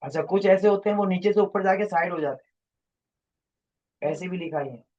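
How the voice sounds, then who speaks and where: A man lectures a class, his voice sitting a little high. He explains at length, drifts from point to point and fires questions at his students. The classroom recording sounds muffled and lo-fi. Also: a little fast, a little mellow. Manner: rambling, explanatory, quizzes students. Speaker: teacher.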